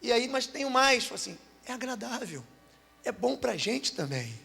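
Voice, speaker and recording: A man's voice: very high voice, sing-song, measured pace, creaky, pushed and bright, slightly rough, faint music behind. A man preaching a sermon at a youth congress, telling a personal story and reading psalms aloud with rising emphasis. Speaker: pastor. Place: church hall at a youth congress. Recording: long reverb of a church hall.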